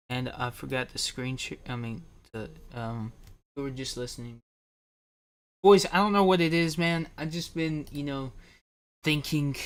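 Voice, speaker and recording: A young man with a slightly high, fairly bright voice hosts a casual livestream. He rambles loosely to his viewers, calling them "boys," with plenty of fillers and restarts.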